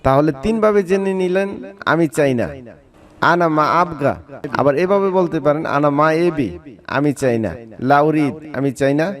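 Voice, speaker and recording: A man giving a vocabulary lesson, saying each word slowly and repeating it before giving its meaning. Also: a little high. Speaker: Arabic language teacher.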